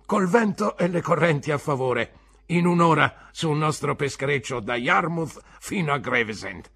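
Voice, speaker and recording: A woman voicing a simple, warm-hearted older fisherman in a storybook reading, speaking loudly and drawing out his words. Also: deep voice, animated, moderate pace, gravelly, slightly rough, voice pushed up, exaggerated voice. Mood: hearty.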